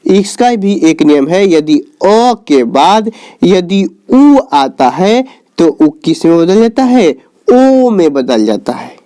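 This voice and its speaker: A man teaching a lesson at an unhurried pace, his voice warm and dark. He quizzes the viewer and then answers himself, stretching out each answer in a lower, slower tone. He talks to the viewer in a friendly, familiar way. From Bihar, India. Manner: asks questions and answers them himself, calls the viewer "babu". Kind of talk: recorded classroom lesson.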